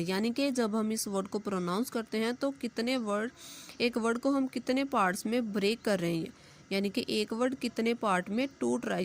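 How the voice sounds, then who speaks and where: A woman, a school English teacher giving a recorded lesson, patiently explaining step by step and reading English examples slowly. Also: a little high. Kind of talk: recorded class lesson explaining grammar and homework.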